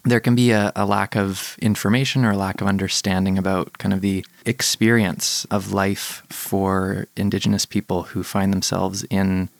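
A man hosts a podcast interview in a very low voice. The sound is dry and close, with no room echo. He speaks softly and steadily as he asks his questions. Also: flat delivery, vocal fry. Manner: soft-spoken, measured, brief affirmations. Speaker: podcast host. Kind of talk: interview hosting.

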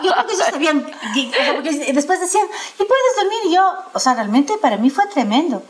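A middle-aged woman chatting casually on a panel, telling a story in a lively way and often laughing as she talks. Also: sits high, fast. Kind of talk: casual chat.

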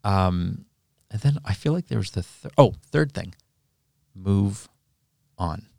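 Deep-voiced encouraging male podcast host. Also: lively intonation, slow pace, creaky, dark tone, dry recording, studio quality. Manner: earnest, encouraging, thinks aloud with restarts. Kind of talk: casual podcast conversation.

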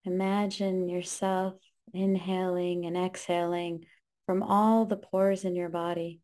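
At a very slow pace, a woman leads a meditation in a soft-edged, dark voice that barely moves in pitch. She offers calm, gentle instructions in short phrases, leaving space between them.

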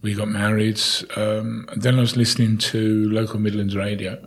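An older English man with a husky voice, telling casual anecdotes in a chatty, jovial way as a podcast guest. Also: fairly low pitch, level tone, moderate pace. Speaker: podcast guest, town crier and historical guide.

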